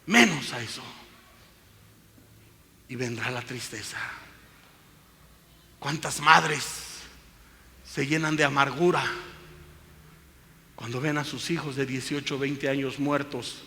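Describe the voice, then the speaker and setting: A man preaching a sermon as a pastor, swinging from loud rebuke to hushed pleading. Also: medium pitch, fairly even intonation, takes it slowly, gravelly, long pauses. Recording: hall reverb with faint background noise.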